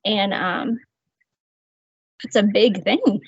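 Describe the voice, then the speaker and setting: A woman's voice: medium pitch, very slow, slightly rough, dry recording. A woman, a guest on a faith podcast, telling her personal testimony in an earnest, reflective way, with light laughs. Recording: slightly muffled, dry sound.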